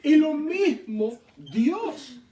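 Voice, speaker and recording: A man leading a Bible study, reading scripture aloud and explaining it in an animated way to a responding group. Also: extremely high pitch, very slow. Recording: echoey room, mic far off.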